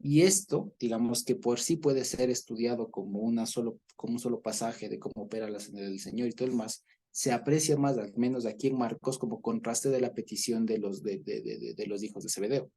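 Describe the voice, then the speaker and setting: Gravelly man teaching scripture. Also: medium pitch, brisk, warm tone. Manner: explanatory, repeats words, checks in with listeners. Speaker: Bible study teacher. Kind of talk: Bible study teaching.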